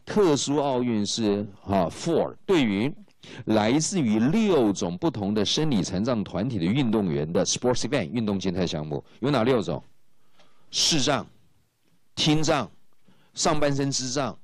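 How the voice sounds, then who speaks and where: In an exam-prep lecture, a man teaches English to test-takers, explaining in Mandarin sprinkled with English phrases and frequently checking whether students follow. His voice is on the low side, with no echo.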